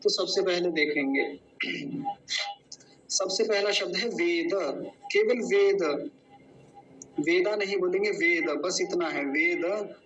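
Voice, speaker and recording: A man with a fairly high voice gives a patient pronunciation lesson, stretching each word out syllable by syllable. He speaks at an unhurried, measured pace, often asking a question and then answering it himself. The recording sounds dull and lo-fi. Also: a bit bright. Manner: corrects common mispronunciations, asks and answers his own questions. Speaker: Sanskrit mantra teacher. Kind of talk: pronunciation lesson, slow and deliberate.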